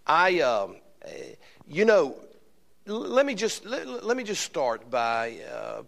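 A man's voice: fairly high pitch, a bit bright. Folksy man with an Alabama accent. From Alabama, United States. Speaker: guest pastor and church fundraising consultant. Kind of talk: public address to a church congregation.

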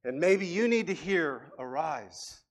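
A man, a pastor, preaching a sermon and telling a story with impassioned rises and quiet drops. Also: a little high, expressive, slow pace. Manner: impassioned storytelling, rising and falling emphasis.

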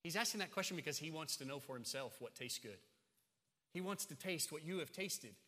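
A man's voice: fairly high pitch, expressive, a little fast, bright, forceful tone. A man in his forties preaching a sermon as pastor, emphatic and repeating phrases for stress. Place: church sanctuary. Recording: long hall reverb, church sanctuary.

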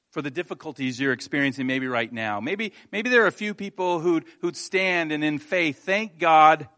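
With a fairly high, somewhat bright male voice, a pastor gives a conversational sermon. He tells a personal story with self-deprecating laughs and then rises to earnest emphasis as he urges his congregation.

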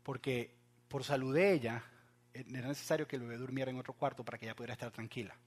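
A young man preaching a sermon, swinging from loud acted cries to hushed asides and talking straight to his listeners. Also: mid-range voice, fairly even intonation, fast. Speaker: pastor.

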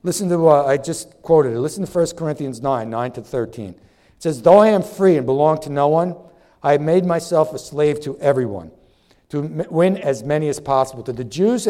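A man's voice: fairly high pitch, dark tone. A middle-aged man preaching a sermon as pastor, impassioned and preachy, sweating as he talks. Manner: impassioned, preachy, acts out little dialogues.

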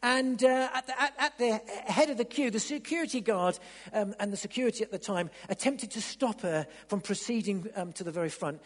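A man preaching a sermon, stumbling over and repeating words, then building to excited emphasis. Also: sits high, a little fast. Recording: long hall reverb.

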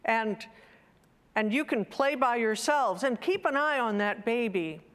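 A woman reading a tired mother of three, firm and weary as she turns her children away. The lines come slowly. Long reverb fills the space around the voice. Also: a little high, animated.

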